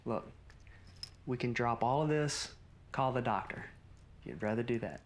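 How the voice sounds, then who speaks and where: A man playing a calm, dismissive husband of a sleepwalker in naturalistic found-footage horror, casual and placating. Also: medium pitch, a little slow, natural voice.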